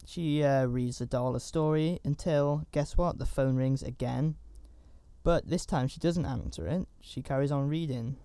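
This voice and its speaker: A man's voice: mid-range voice, measured pace, warm tone, clean tone, no echo. A man giving a casual, rambling recap of a horror movie, with chatty asides and fillers. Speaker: film reviewer.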